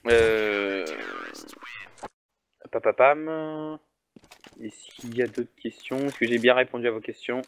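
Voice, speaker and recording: A man's voice: medium pitch, steady tone, moderate pace, hardly any pauses, a little hiss or hum. A man, an esports caster chatting alone before a match, joking about himself and answering viewers' questions. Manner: chatty, self-mocking, answers chat questions. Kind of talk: solo pre-match stream commentary.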